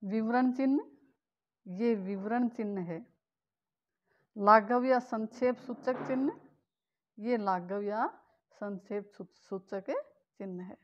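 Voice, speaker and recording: A woman teacher giving a patient grammar lesson to students, explaining slowly and repeating key points. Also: medium pitch, lo-fi sound. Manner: slow, patient explaining with repetition.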